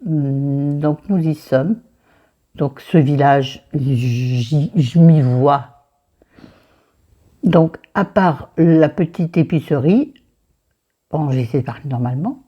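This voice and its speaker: Seated at her dressing table doing her makeup, a southern French book vlogger rambles about a book, wandering off on tangents and talking to herself. Her deep, mellow voice has a breathy edge and moves slowly with long pauses. The lo-fi sound comes from a camera facing her mirror.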